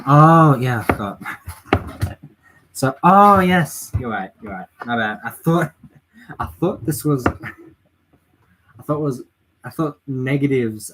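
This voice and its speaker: A man with a mid-range voice casually comments on a livestream, exclaiming, swearing freely, and laughing often. There's slight background noise.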